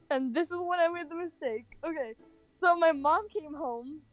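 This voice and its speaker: Soft background music accompanies a young Californian woman telling a personal story. She takes it slowly in a high-pitched voice, rambling casually with plenty of "like."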